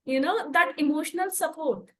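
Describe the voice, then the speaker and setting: A woman's voice: high-pitched, moderate pace, a bit bright, slight background noise. A woman with an Indian accent hosting a casual group discussion and addressing the participants directly. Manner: asks rhetorical questions. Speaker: discussion host.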